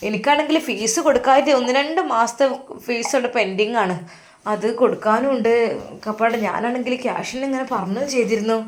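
A woman voicing a sharp-tongued young daughter-in-law who talks quickly and indignantly. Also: on the high side, a little hiss or hum, lightly acted. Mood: demanding.

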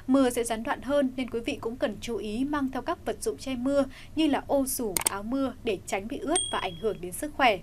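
A woman reading a scripted weather forecast in a steady, formal newsreader manner. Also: fairly high pitch, slight background noise.

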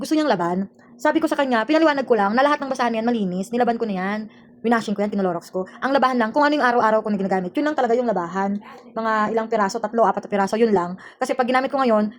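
A woman from the Philippines, a domestic worker telling her story in a casual vlog, aggrieved and talking fast. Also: fairly high pitch. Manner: rapid, aggrieved recounting. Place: employer's house indoors.

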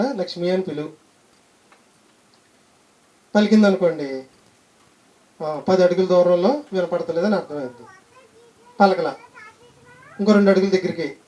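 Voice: medium pitch, normal speed, long pauses, dark tone, close to an everyday voice. A preacher voicing a patient male doctor in a sermon story, speaking firmly and reasoning things out.

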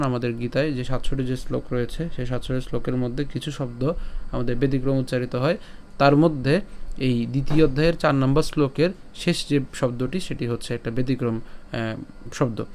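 A man teaching the pronunciation of a scripture verse, breaking it into syllables, asking and answering his own questions, and chanting the lines slowly. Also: mid-range voice, fairly even intonation, darkish tone, a little hiss or hum. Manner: slow, drawn-out chanting of verse syllables between explanations. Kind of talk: step-by-step recitation lesson.

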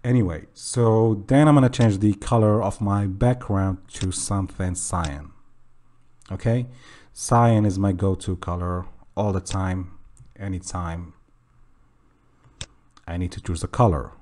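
A young man talks through a screen-recorded software tutorial with a low, mellow voice. His delivery is casual and unpolished, often checking in with the listener and fixing his own slips as he goes. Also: steady tone, measured pace, pauses often, a little hiss or hum. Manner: casual, self-correcting, says okay often. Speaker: tutorial host.

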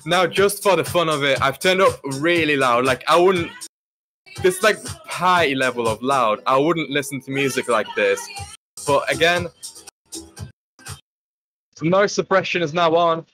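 A man's voice: on the high side, lively intonation, a little slow, pauses often, sharp tone, faint music behind. A young adult British man giving a casual, off-the-cuff product demonstration with dry joking asides. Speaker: tech tester. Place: small carpeted bedroom at a computer desk. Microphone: desktop microphone, laptop mic or phone, varying.

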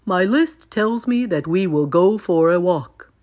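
A woman's voice: lowish voice, lively intonation, unhurried, darkish tone. A woman voicing a fretful, literal-minded male toad who is easily upset, in a children's storybook read-aloud. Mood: pleased, matter-of-fact.

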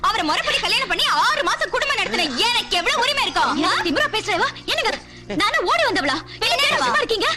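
An actress playing a young wife in a family film, quarreling with her husband's other wife in a shrill, scolding way. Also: very animated, fast. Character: young wife fighting a rival wife. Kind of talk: Tamil film drama. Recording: film soundtrack with loud music.

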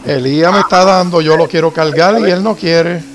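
A man's voice: a little high, normal speed, slight background noise. A man chatting casually with other players during an online role-play game. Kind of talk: casual gaming chat.

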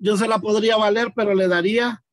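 High-voiced male teacher walking through a lesson. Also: steady tone, fast, no echo, studio quality. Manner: explains step by step, asks students questions. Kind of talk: online class demonstration.

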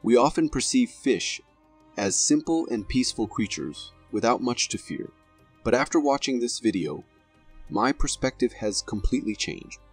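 A man's voice: medium pitch, lively intonation, moderate pace, husky, soft background music. A man reading scripted narration for a video compilation in a dramatic, formal manner.

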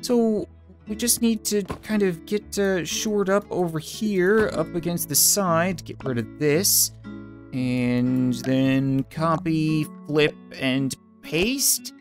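A woman hosts a let's-play video, reacting animatedly as she builds and fails. She talks back to the game with dry sarcasm, and her voice sounds a little worn. Soft music plays faintly behind her. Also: on the low side. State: straining voice. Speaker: gaming video host.

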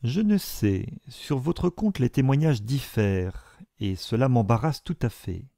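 A man's voice: mid-range voice, lively intonation, unhurried, gravelly, warm tone, no echo, clean studio sound. A man voicing a witty young woman who asks pointed, probing questions. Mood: guarded.

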